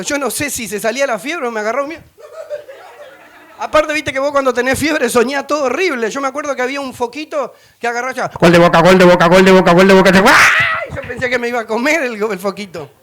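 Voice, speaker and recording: A middle-aged male pastor with a Rioplatense Spanish accent and a notably high voice for a man. He preaches with humor, slipping into other people's voices, singing short bits and laughing as he tells family stories. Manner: animated, acts out voices and sings snippets, laughs often. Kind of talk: humorous sermon storytelling.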